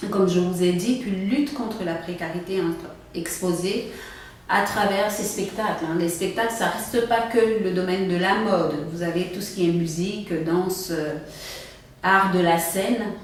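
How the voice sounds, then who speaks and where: A woman from Cameroon gives measured, explanatory interview answers about organizing events. She is recorded from a distance in a very echoey room. A faint hiss sits behind her voice. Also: lowish voice. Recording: echoey room, far from mic, faint noise.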